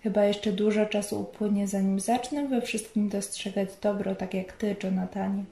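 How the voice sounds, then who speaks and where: A woman reading the lines of a weary young missionary wife in a storybook reading, in a subdued, soft manner. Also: medium pitch, steady tone, moderate pace, natural voice. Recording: roomy echo.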